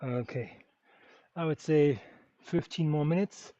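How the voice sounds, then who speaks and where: A man from Germany, whose first language is German, chats on a livestream while riding an indoor bike, answering viewers in a laid-back, filler-heavy, think-aloud way. His voice is fairly high and warm, and he talks slowly. The sound is dull, dry and lo-fi, without echo.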